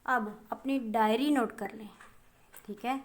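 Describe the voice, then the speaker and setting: Slow-spelling woman teacher with Pakistani accent. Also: fairly high pitch, steady tone. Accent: Pakistani Urdu. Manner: slow, spells words letter by letter and translates them; addresses pupils fondly as children. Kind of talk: online class lesson for young children.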